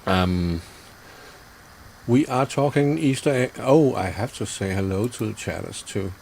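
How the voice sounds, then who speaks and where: A man's voice: on the low side, a little slow, creaky, a little mellow, slight background noise. A man hosting a casual online stream, hesitant and full of fillers. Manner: hesitant, many fillers, chuckling. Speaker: host.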